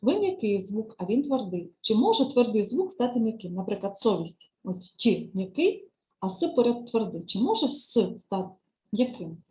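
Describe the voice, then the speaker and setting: A woman teacher trainer talks a screen-share tutorial through click by click, in a mellow, dark-toned voice. She explains each task patiently and keeps checking in with listeners. Her pitch sits at an ordinary middle height. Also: very animated, moderate pace, low-quality recording. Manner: talks through clicks step by step, often asks "right?"; explains language lesson tasks patiently.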